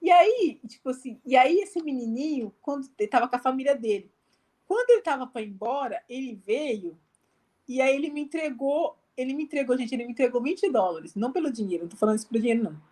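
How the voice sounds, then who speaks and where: Expressive and quick, with a warm voice that sits high, a Brazilian-Portuguese-accented missionary speaks as a guest on a live video call. She tells her testimony chattily with plenty of fillers and voices the quoted conversations herself.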